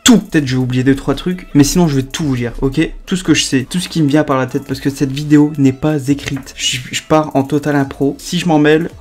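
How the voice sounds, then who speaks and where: Brief: young male vlogger, loose improvised chat, lots of ums, voice on the high side. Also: steady tone, fairly quick, few pauses, darkish tone. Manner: chatty, improvised, many fillers. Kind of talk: unscripted casual vlog talk.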